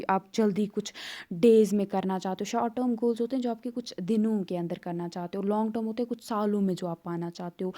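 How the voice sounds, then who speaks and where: Mellow-voiced woman tutor explaining exam questions. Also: mid-range voice. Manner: conversational, explains step by step with many fillers. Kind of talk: exam paper walkthrough.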